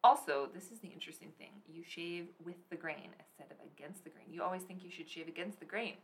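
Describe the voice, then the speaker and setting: With slight noise in the background, a young podcast co-host speaks fast in a fairly low voice. Her casual chat is full of stories, with "like" and "so anyways" turning up again and again.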